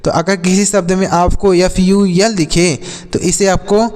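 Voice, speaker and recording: A male teacher with a fairly high voice leads a spelling and pronunciation lesson. He spells words out letter by letter, asks the class questions and then answers them himself. The recording carries a long reverb tail. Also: flat delivery, a little slow, darkish tone. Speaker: English teacher.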